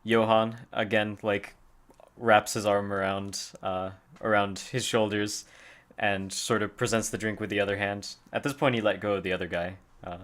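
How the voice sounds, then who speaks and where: A man narrating as game master of a tabletop game, halting with fillers and chuckles. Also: fairly low pitch, fairly even intonation, fairly bright tone.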